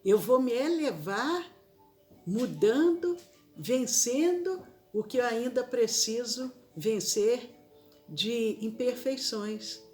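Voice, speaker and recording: A woman from Brazil leads a spiritist gospel study at an unhurried pace. Her voice sits a little high and moves widely in pitch as she repeats key phrases to drive them home. Soft music plays faintly behind her. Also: lively intonation. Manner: slow, measured, repeats key phrases for emphasis.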